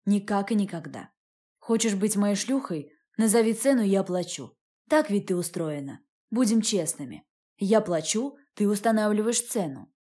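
A woman's voice: mid-range voice, expressive, normal speed, warm tone, close to an everyday voice. A woman reading the lines of a cold, domineering wealthy man in an audiobook, speaking curtly. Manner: curt and cold.

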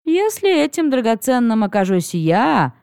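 A woman's voice: fairly high pitch, sing-song, a little slow, a little mellow, clear, resonant tone, no room sound, studio quality, voice pushed up. A woman reading a cheeky young dragon. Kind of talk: audiobook reading.

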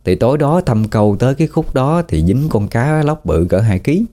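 A man with a Southern Vietnamese accent narrating a ghost story in a relaxed, folksy way with fillers. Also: mid-range voice, moderate pace.

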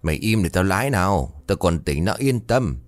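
A man's voice: low voice, animated, normal speed, no echo. A man voicing a cocky, clumsy young male driver with a brash manner.

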